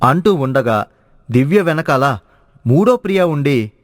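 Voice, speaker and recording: A man narrating a cartoon story in a steady storytelling way. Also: on the high side, a little slow, no room sound, clean studio sound.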